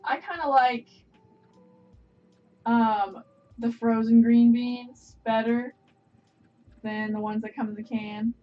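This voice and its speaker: A woman's voice: fairly high pitch, fairly even intonation, takes it slowly, pauses often, distant mic, dull audio, soft background music. A woman in casual chat on a livestream, rambling and restarting her sentences.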